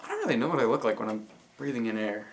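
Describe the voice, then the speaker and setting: A man's voice: medium pitch, fast talker, very noisy. A young man chatting casually to his camera in a living room, as a challenge vlogger. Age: young adult. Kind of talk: casual vlog chat to camera.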